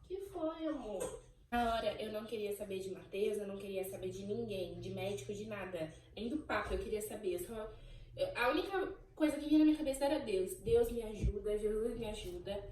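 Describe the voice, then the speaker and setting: A young Brazilian woman telling her own story on her channel in an emotional, animated way, acting out what people said. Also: mid-range voice, brisk, echoey room, distant mic, rough recording. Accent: Brazilian Portuguese. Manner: emotional, animated storytelling, voicing remembered exchanges. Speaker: channel host. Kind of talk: personal birth story vlog.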